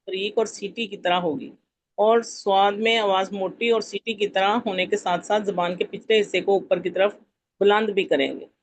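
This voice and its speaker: A woman's voice of middle pitch, reading her lesson carefully and steadily as her teacher listens. She sounds like a student answering in class. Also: fairly even intonation, moderate pace, no room sound. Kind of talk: reciting a lesson aloud in class.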